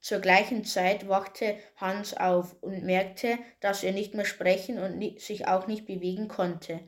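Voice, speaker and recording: Eine Frau liest ein Märchen vor. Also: female voice, mid-range voice, a little slow. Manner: plain, steady reading with small slips. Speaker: storyteller. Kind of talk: reading a fairy tale aloud.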